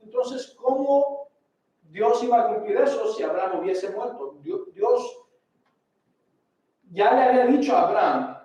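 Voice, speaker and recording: A male pastor preaching a sermon, emphatic, slowing down and dropping to a hush to stress his words. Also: extremely high pitch, sing-song. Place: church sanctuary. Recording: very echoey sanctuary from far off.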